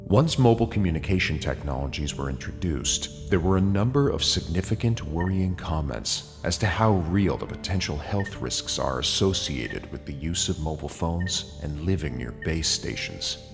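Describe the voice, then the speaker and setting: A man narrating a script in a disguised, artificially deepened voice, reading facts and lists in a steady, deliberate way. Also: in a large hall, music in the background.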